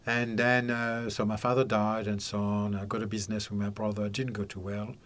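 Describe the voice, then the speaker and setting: A psychic counsellor in his seventies, from Algeria and France, is a guest in a podcast studio, telling rambling stories and laughing often in a casual interview chat. His voice is lowish, level, slightly bright, and a little fast.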